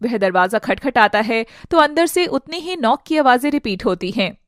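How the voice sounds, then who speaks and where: A woman's voice: on the high side, animated, normal speed, fairly bright tone, no room sound, clean studio sound. A woman narrating a dramatic family story expressively.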